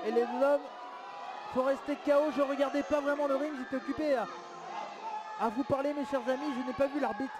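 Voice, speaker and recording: A man commentates wrestling live in a very high-pitched voice. He is excitable and exclamatory, stretching out his calls of the big moves. A crowd is clearly audible behind him. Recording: live event with crowd noise.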